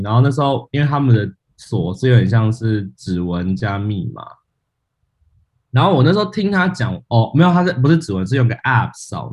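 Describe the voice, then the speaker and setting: A man's voice: medium pitch, lo-fi sound. A man co-hosting a podcast, casually telling a funny story about himself, laughing at his own mishaps and acting out what people said. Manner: animated storyteller, laughs at himself, acts out quotes. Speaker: podcast co-host.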